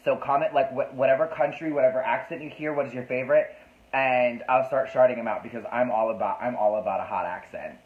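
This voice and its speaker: A man's voice: mid-range voice, steady tone, fast. Man, live-stream host, flamboyant chatter, tinny lo-fi sound, echoey room. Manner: chatty, flamboyant, reads out viewer comments. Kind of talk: casual live-stream chat. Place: New York City.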